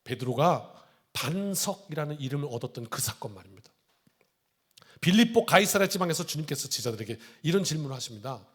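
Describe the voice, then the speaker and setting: Animated, high-pitched preaching man. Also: fairly quick, husky. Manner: animated, acts out dialogue in shifting voices. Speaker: pastor. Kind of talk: sermon. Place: church sanctuary.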